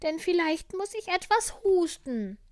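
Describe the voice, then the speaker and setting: A woman's voice: extremely high pitch, very animated, a little slow, a little mellow, no echo, studio quality, pitched above the performer's own voice, exaggerated voice. A woman voicing a sick, whiny little male tiger cub in a children's storybook, whimpering and drawing out his complaints. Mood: whiny, sickly.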